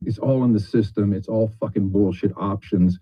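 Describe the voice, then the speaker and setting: A man's voice: fairly low pitch, steady tone, normal speed, no echo. A blunt, profane man speaking in a clip whose sound is played through a computer speaker and picked up again by a microphone. He restarts his sentences often. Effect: video audio played through a computer speaker and picked up again by a mic. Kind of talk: candid spoken remarks. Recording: muffled re-recorded speaker playback.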